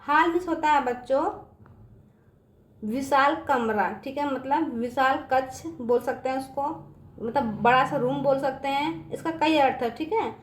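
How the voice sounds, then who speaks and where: A woman speaks a little slowly in a high voice, the sound reverberating around her. In an online English class for children she repeats words patiently and keeps asking "समझ में आ गया बच्चों?" to make sure they understand.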